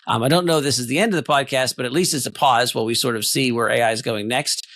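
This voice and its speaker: A man hosts a casual podcast chat, his words coming quickly in a gravelly voice. He thinks aloud and rambles with fillers. The sound is dry and close. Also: mid-range voice, a bit bright, dry recording. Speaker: podcast co-host.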